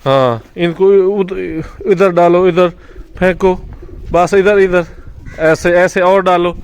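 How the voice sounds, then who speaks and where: A man's voice: high-pitched, fairly even intonation, slow, clean tone. A man hosting a casual pet vlog at an outdoor bird enclosure, instructing a boy as he narrates. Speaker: vlog host.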